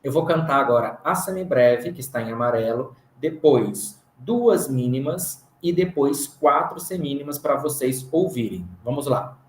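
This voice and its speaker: A Brazilian man teaching a recorded music theory lesson, explaining slowly and patiently and counting beats aloud. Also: mid-range voice, slight background noise. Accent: Brazilian Portuguese. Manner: counts beats aloud and chants rhythm syllables. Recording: roomy recording.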